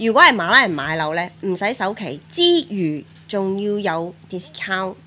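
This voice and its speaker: A woman's voice: medium pitch, moderate pace, pushed and bright. A woman, chatting casually and explaining things to the group. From Malaysia. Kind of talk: casual chat, explaining life back home.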